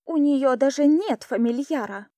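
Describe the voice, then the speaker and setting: Spoiled student girl complaining, high and indignant, woman reading her. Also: lively intonation, a little slow, dark tone, no room sound. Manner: indignant, sulky.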